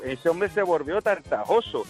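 A man's voice: fairly high pitch, expressive, normal speed, soft background music. A man telling a comic anecdote on a talk show, mimicking stammers and other people's voices.

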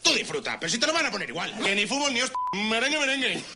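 Actor doing a rowdy brash sitcom dude, high, wild pitch jumps. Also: male voice, sing-song, rapid-fire, exaggerated voice. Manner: shouty, brash.

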